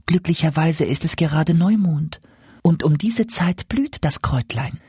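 Brief: man putting on a kindly goose, high, soft, breathy. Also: animated, a little slow, no echo, studio quality, full character voice. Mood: confiding. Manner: gentle, confiding, partly whispered. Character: wise helpful female goose.

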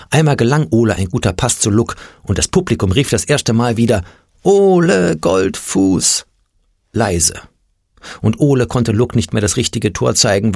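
A man reading a children's audiobook in a lively storytelling manner, voicing the characters as he goes. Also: lowish voice, breathy edge, no echo, studio quality. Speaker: audiobook narrator.

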